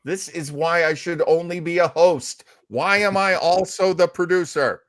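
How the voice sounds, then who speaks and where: A man with a slightly high, fairly bright voice speaks at a moderate pace while hosting a casual live talk show. He chats about old-time radio, telling stories with jokes and self-deprecation.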